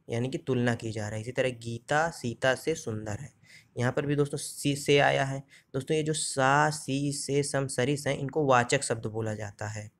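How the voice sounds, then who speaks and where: A male teacher giving an exam-prep grammar lesson, explaining step by step and asking and answering his own questions. He recites verse examples slowly. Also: medium pitch.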